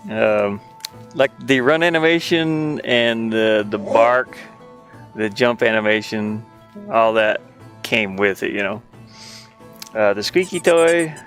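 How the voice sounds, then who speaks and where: Faint music sits behind an indie game developer who slowly thinks aloud while commentating on his game-building screen share. His lowish, fairly bright voice pauses often, and his tone is casual, amused and rambling.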